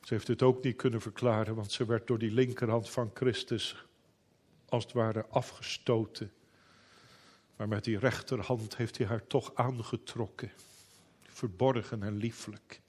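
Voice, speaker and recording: Guy preaching real slow, solemn old-style church talk. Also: lowish voice, steady tone, darkish tone, husky. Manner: slow, solemn, old-fashioned biblical phrasing. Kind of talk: sermon.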